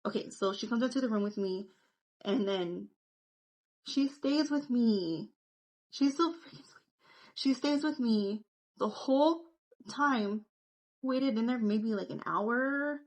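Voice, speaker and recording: A woman's voice: fairly high pitch, slow pace, long pauses, a little mellow, rough recording. Chatty young woman vlogging. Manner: chatty, fills talk with "like". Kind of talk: casual storytelling to camera.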